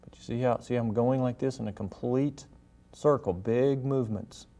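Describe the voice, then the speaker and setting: A man giving a gentle, folksy painting lesson, talking casually and step by step as he demonstrates. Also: mid-range voice, moderate pace. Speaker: painting instructor and show host.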